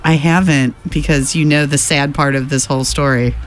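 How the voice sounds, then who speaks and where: A woman's voice: sits low, steady tone, normal speed, soft background music, poor audio. A woman co-hosting a show in casual, playful chat. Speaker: show co-host.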